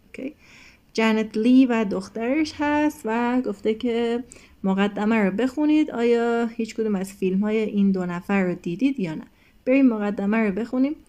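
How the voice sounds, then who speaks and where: A woman runs a recorded English lesson with a mellow, relaxed voice. She explains each point and reads the example sentences aloud slowly and carefully, like a patient teacher. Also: on the high side. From Iran.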